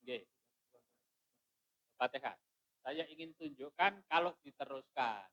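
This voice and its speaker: A man teaching Quran recitation rules in a mosque. He slowly intones the verses, then explains them briskly. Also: mid-range voice, lively intonation, bright, forceful tone, no room sound, muffled recording. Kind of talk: teaching tajwid.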